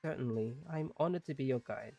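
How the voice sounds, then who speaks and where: A young castle maid who has been crying, read aloud by a man playing the game. She is soft-spoken and apologetic, with faint music underneath. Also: medium pitch, fast talker, gravelly, natural voice. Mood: tearful.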